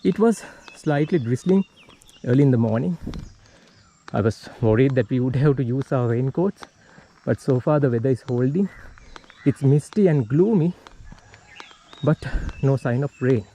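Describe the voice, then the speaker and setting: A man's voice: mid-range voice, normal speed, pauses often, dark tone, a little hiss or hum, rough recording. A Sri Lankan man narrating his hike on a tea estate trail to an action camera, a bit out of breath as he walks uphill. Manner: walking uphill while talking, slightly winded. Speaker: hiking vlogger.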